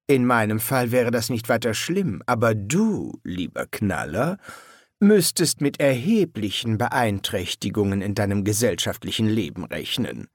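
A man voicing a cool, sardonic young soldier with a low, dry delivery. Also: very animated, unhurried, no echo.

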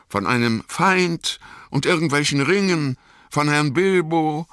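A high, thin and fluttering young hobbit gardener, timid and eager to please, as a man puts him on in a storybook reading. He talks in a quick, pleading, breathless rush, and his voice sounds bright and close. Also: no echo, heavily acted.

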